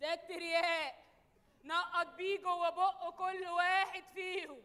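An Egyptian woman playing a loud, scheming evil sorceress in a stage comedy, with broad theatrical villain delivery. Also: extremely high pitch, flat delivery, measured pace, long reverb tail, full character voice. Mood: exasperated. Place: large indoor theatre stage.

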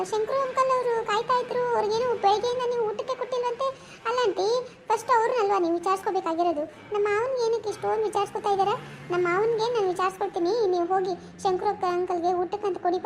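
A squeaky sharp young niece. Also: female voice, steady tone, slight background noise. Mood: probing. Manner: quick, questioning, sharp-tongued. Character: lively young woman Priya, protective niece. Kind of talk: cartoon comedy voice acting.

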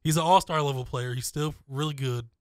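A young man co-hosting a sports chat, making his points with opinionated emphasis. His voice is smooth and clear. The close studio mic gives a dry, dead sound. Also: medium pitch, brisk, no echo. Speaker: sports talk show co-host. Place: small studio with foam panels. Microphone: studio mic on boom arm, headphones.

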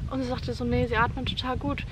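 A young woman with a high voice tells a personal story to her camera at home. She retells it vividly and dramatically. Clear background noise runs under her voice. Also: little pitch movement, quick pace. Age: young adult. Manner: vivid, dramatic retelling, acting out her own screams and quoting others. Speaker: vlogger.

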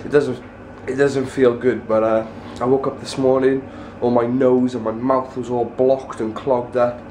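Slightly slow and with little pitch movement, a young adult vlogger's mid-range, darkish voice carries a congested nose and sore throat as he rambles casually in loose run-on sentences. He films indoors in small rooms at home, camera held at arm's length, with a little hiss or hum in the audio.

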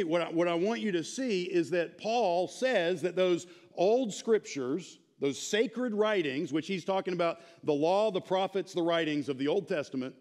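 A man in his thirties teaching a church class in an animated, informal way, quizzing the group. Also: high voice. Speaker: Bible teacher. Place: church sanctuary, speaking to a small audience.

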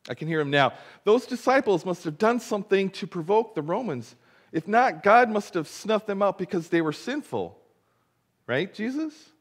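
Speaking at a high, sing-song pitch and normal speed, a middle-aged pastor reads the gospel and preaches in a church sanctuary. His voice is slightly rough, and he tells the story vividly while putting questions to the congregation.

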